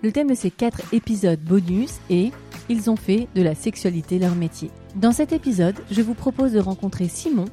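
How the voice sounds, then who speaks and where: A woman's voice: medium pitch, expressive, normal speed, dark tone, faint music behind. A woman hosting a podcast, presenting and asking questions in conversation. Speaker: podcast host. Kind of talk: scripted podcast introduction and casual interviewing.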